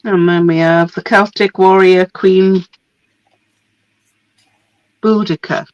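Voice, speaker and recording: In a casual craft paper show-and-tell, the host, starting a cold and losing her voice, laughs often and fades out with ums. Her lowish, darkish voice moves slowly with fairly even intonation. The audio is dull and without echo.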